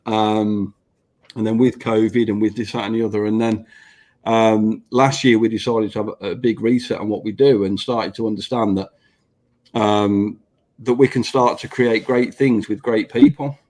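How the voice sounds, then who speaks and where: A man's voice: on the low side, steady tone, moderate pace, a little mellow. A man with dental braces slightly affecting his speech, chatting earnestly and swearing freely as he repeats points for emphasis. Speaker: business owner, podcast guest. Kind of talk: casual panel chat.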